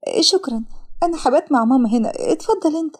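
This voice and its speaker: A woman's voice: high voice, expressive, racing, voice pushed up. A woman voicing a frightened, poor young woman with an Egyptian accent, pleading and tearful in a storybook narration. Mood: grateful. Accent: Egyptian Arabic.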